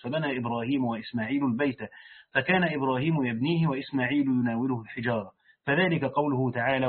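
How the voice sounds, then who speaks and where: Man, rapid reading of commentary, husky voice, phone-like lo-fi audio. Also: medium pitch. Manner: reads the text aloud, then breaks off to explain it in colloquial speech. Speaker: sheikh teaching Quran exegesis. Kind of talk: reading and explaining a tafsir lesson. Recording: tinny phone-like lo-fi recording.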